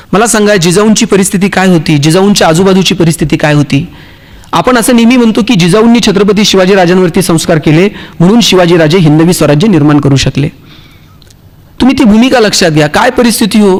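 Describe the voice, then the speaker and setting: A man with a Marathi accent giving a motivational speech, telling humorous stories and acting out the dialogue for his audience. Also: a little high. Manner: storytelling, acts out dialogue, jokes with the audience. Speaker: motivational speaker.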